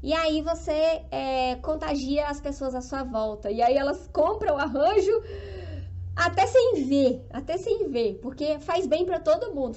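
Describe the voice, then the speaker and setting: A Brazilian woman with a high, bright voice teaches flower arranging on a live stream. As she works with the flowers, she speaks with upbeat, motivational energy and keeps asking her audience to agree with her. She has a Brazilian Portuguese accent.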